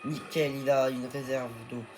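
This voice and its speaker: A man's voice: medium pitch, little pitch movement, moderate pace, over music. A man hosting a gaming video, chatting casually as he plays and coaxing his tamed creatures aloud. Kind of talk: casual let's-play commentary.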